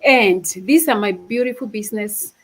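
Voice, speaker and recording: A woman's voice: medium pitch, normal speed, rough recording. A woman from Kenya hosts a live online stream and speaks earnestly to her viewers. She often repeats and restarts her phrases as she goes, and she comes through a video call setup. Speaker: host of a livestream. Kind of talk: casual livestream talk.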